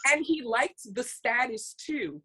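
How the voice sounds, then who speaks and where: A woman's voice: fairly high pitch, sing-song, slow, bright, forceful tone, slightly rough, poor audio. A woman co-hosting a podcast in casual chat, telling stories bluntly and candidly and swearing freely. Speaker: podcast co-host.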